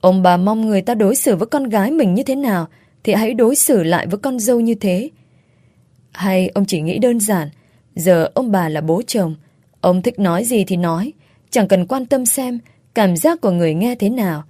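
A woman reads a first-person family story aloud in a steady, plain manner. Her voice sits at an ordinary pitch. The recording is dry and close, with no room sound. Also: normal speed, no room sound. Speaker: narrator.

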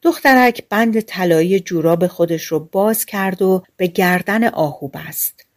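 A woman narrating a fairy-tale audiobook in a calm, measured storytelling manner. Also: fairly low pitch.

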